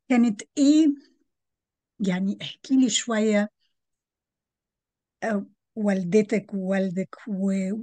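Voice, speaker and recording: A woman interviewer speaks conversational Egyptian Arabic. Her voice is soft-edged and mellow, recorded dry with very little room sound. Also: medium pitch, no room sound.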